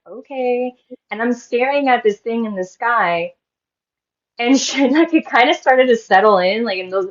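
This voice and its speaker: A woman's voice: medium pitch, muffled recording. A woman in her forties, a medium and healer, telling a story in a casual interview, acting out quotes with lots of fillers. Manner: animated, acts out quotes with laughs and many "like" fillers.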